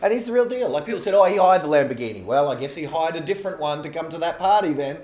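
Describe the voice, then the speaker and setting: A man hosting a podcast interview, telling stories with animated energy and frequent laughter. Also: on the high side, fast. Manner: animated storyteller, laughs often. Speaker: podcast host. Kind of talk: casual interview chat. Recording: roomy echo, faint background noise.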